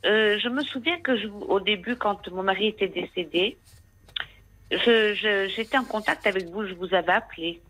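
A woman calling in to a radio show, speaking in an earnest, halting way with many restarts. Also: mid-range voice, a bit bright, rough recording. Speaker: caller. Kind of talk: phone-in testimony.

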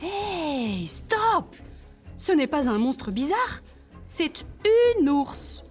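A woman's voice: high voice, steady tone, very slow, darkish tone, soft background music, voice pushed up, exaggerated voice. A woman voicing a timid male bear with a long nose, speaking hesitantly in a storybook. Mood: earnest.

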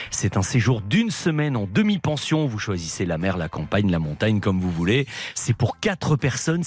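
A man's voice: mid-range voice, dry recording. A man hosting radio, announcing prizes and links in chatty, improvised promotional patter. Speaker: radio host.

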